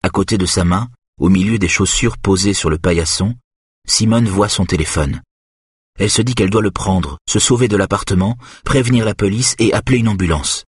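Male narrator, husky, lowish voice, dry studio sound, steady thriller reading. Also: brisk, no room sound. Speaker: audiobook narrator.

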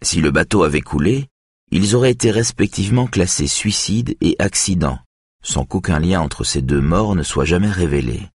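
A man reading a thriller audiobook aloud in steady, even scripted narration. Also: low-pitched, moderate pace, husky, no room sound, clean studio sound.

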